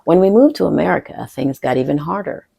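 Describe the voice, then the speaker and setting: A woman coach from the Caribbean with a French-accented English, speaking earnestly and thoughtfully in a personal teaching talk, pausing often. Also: sits low, lively intonation, creaky, dark tone, breathy edge. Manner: earnest, thoughtful, with pauses and fillers.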